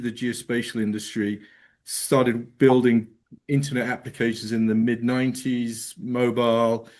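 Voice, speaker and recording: A man's voice: mid-range voice, a little mellow. A middle-aged man with an English accent, giving a casual presentation to a meeting over a video call and joking about himself. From England. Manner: casual, quick self-deprecating humor, frequent ums. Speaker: guest presenter.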